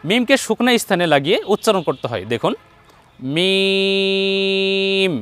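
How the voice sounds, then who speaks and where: Man, Bangladeshi Bengali accent, fairly high voice, dry close sound, patient Quran teacher, long drawn-out letters. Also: a bit bright, no echo. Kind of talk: online Arabic letter pronunciation lesson.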